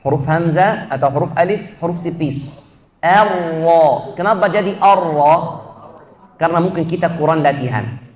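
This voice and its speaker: High-voiced man teaching recitation. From Egypt. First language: Arabic. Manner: drills sounds slowly, contrasting wrong and right, chanted recitation examples. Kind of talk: Quran recitation lesson. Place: mosque.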